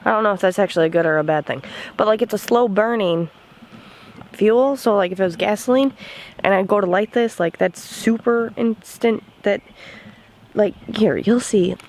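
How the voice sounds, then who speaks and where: A woman's voice: medium pitch, moderate pace, a little mellow, slight background noise. A young woman vlogging outdoors by a cabin in the woods, chatting casually and rambling with lots of fillers. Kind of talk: casual vlog chat.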